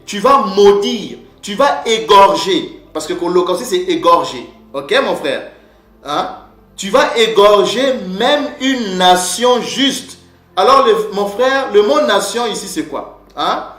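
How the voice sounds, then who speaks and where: A man's voice: sits high, a bit bright, reverberant. A man giving an informal lesson, often asking a question and answering it himself, and calling the listener "my brother". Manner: repeats "mon frère", asks and answers his own questions. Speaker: teacher of word origins.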